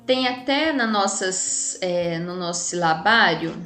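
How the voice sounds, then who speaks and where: A woman's voice: on the low side, animated, slow, a bit bright. A woman teacher with a Brazilian Portuguese accent, explaining a lesson casually to children and often checking with tag questions. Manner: chatty, frequent tag questions. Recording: echoey room with faint music.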